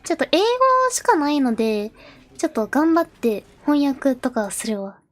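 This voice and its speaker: Woman streamer, high-pitched, casual filler-heavy chatter, live translation of a game. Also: expressive, normal speed. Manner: chatty, lots of fillers, talks to herself while setting up; translates game narration aloud. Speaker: VTuber streamer.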